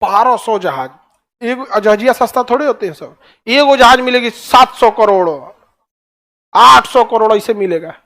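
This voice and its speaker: Bihari guy lecturing a class, really high voice, keeps throwing questions at them. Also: animated, moderate pace, pushed and bright. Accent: Bihari Hindi. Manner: rhetorical questions, colloquial. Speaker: teacher.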